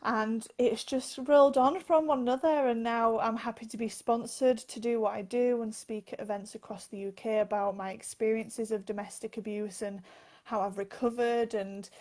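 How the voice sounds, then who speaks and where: A woman's voice: a little high, fairly even intonation, moderate pace, darkish tone. Earnest woman guest on a call. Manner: earnest, laughs between phrases. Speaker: guest, author and advocate. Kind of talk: casual interview answers.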